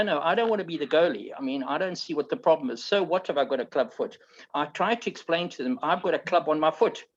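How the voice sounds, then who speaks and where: A middle-aged man from Zambia, a founder telling his life story in a relaxed, rambling way, often repeating words and saying "okay". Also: on the high side, dull audio. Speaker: founder being interviewed. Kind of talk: conversational storytelling.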